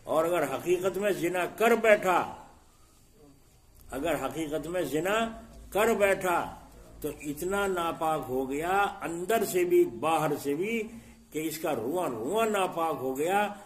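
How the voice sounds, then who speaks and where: A middle-aged man preaching an Islamic sermon, asking the congregation questions and acting out little scenes with sudden jumps in loudness. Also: a little high. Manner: rhetorical questions to the congregation, acts out scenes with sharp shifts in loudness.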